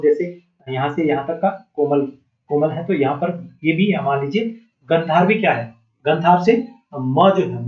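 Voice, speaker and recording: A man teaching music theory, who asks the class questions and answers them himself. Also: on the high side. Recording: dull, echoey room sound.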